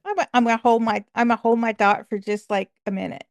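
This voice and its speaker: Woman, podcast co-host, gravelly fry in the voice, dry close sound, jokey chat. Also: on the high side, steady tone, fast talker, no echo. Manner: chatty, jokey, frequent laughs. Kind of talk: casual chat about a film.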